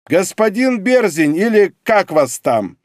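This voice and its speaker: A man voicing a shrill, jealous older German professor in an audiobook, squealing and high-strung. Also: big pitch swings, slow, dry recording, studio quality, heavily acted. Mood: agitated. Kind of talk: audiobook character reading.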